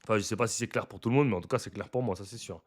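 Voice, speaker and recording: A young man giving casual live reaction commentary to basketball footage, slangy and chatty, breaking into loud excited exclamations. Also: on the low side, rapid-fire.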